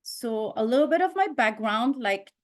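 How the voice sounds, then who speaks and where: A woman's voice: fairly high pitch, animated, normal speed. A woman from Switzerland giving a cheerful, chatty presentation on a video call. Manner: cheerful, chatty with little laughs. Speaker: guest speaker.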